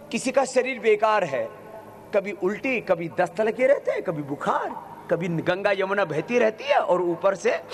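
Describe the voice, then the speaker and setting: Slow-chanting male yoga teacher. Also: high-pitched, a little hiss or hum. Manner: slow, drawn-out chanting with corrective explanations; humorous, coaxing teacher asking the crowd questions. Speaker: yoga teacher leading a youth camp. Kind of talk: teaching chanting and pronunciation to a crowd.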